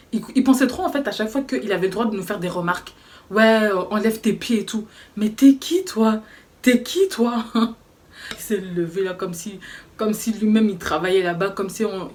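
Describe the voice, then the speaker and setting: Young woman storytime vlogger, expressive, plays out the dialogue. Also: mid-range voice. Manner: animated storyteller acting out quotes. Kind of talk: storytime vlog.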